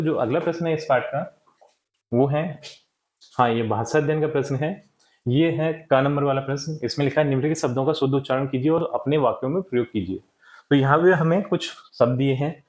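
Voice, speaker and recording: A man teaches a textbook lesson to children in a patient, step-by-step way, checking in often and answering his own questions. His voice sits at an ordinary middle pitch. The recording has a roomy echo. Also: darkish tone.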